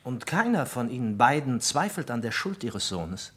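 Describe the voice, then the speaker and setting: Male actor as genial doctor, mid pitch, lively intonation, courteous, soothing, radio drama. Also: normal speed, natural voice. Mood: concerned. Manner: soothing, courteous, slightly hesitant. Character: kindly, polite English doctor, detective's loyal companion. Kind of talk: German radio play acting.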